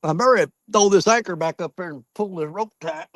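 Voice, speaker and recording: Man, slightly high voice, Southern US drawl, folksy and casual fishing chat, dry outdoor sound. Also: brisk, fairly bright tone, no room sound. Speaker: fishing vlogger. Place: outdoors on a small fishing boat.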